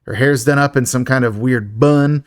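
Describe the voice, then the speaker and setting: A man's voice: mid-range voice, moderate pace, dry recording, clean studio sound. A man co-hosting a podcast, recapping a film in a chatty, joking way and laughing often. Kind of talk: casual chat.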